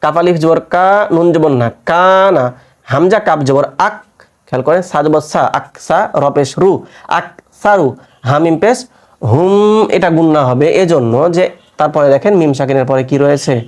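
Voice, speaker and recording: A man teaching Quran recitation, spelling out letters and marks and then chanting each joined word in a long, drawn-out tone. He asks his listeners questions and answers them himself. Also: a little high, darkish tone. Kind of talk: step-by-step recitation lesson.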